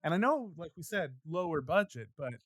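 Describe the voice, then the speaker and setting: A man's voice: fairly high pitch, big pitch swings, brisk, fairly bright tone, no room sound, clean studio sound. A man co-hosting a podcast in casual chat, easygoing, with critical asides. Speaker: podcast co-host.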